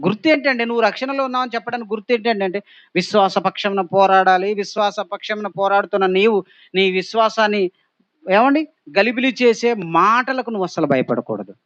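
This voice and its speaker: A man's voice: sits high, brisk, a bit bright, no echo, lo-fi sound. A male pastor preaching a sermon, pressing the congregation with repeated rhetorical questions and emphatic exhortations.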